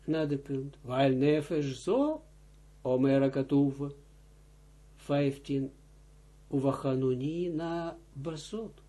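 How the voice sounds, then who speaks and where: A rabbi with a mellow, mid-range voice reads Hebrew and Aramaic phrases aloud and explains them in Dutch in a line-by-line text study lesson. He speaks haltingly with restarts, often repeating himself and urging close attention.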